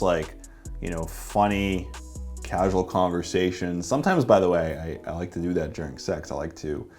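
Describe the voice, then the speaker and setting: A dating coach breaks down his own footage in a casual, laid-back commentary full of filler words. His voice is low-pitched and darkish, with faint music in the background.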